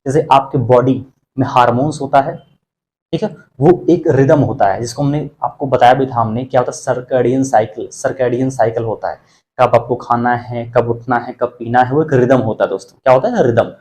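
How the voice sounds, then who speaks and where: A man's voice: mid-range voice, fairly even intonation, a little fast, darkish tone. A man teaching English pronunciation, asking questions and repeating words to drill them. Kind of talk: bilingual classroom lesson.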